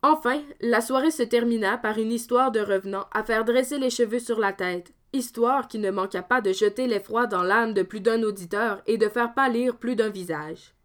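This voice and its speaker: A woman reading a folk tale aloud as a storyteller, measured and expressive. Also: fairly high pitch.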